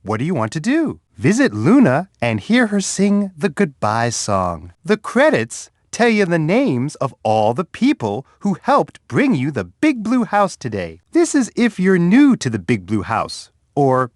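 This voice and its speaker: A man voicing Bear, a big, friendly bear who guides young children through an edutainment game, talking to them warmly and patiently. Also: on the high side, huge pitch swings, unhurried, hardly any pauses, dry recording, studio quality. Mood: friendly, coaxing. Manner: warm, patient, talks straight to a young child. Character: big friendly male bear host, gentle and encouraging.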